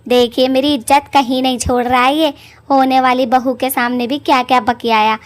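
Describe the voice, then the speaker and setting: A woman's voice: sits high, flat delivery, normal speed, natural voice. A woman voicing a fed-up middle-aged mother in a cartoon story, complaining in rustic speech.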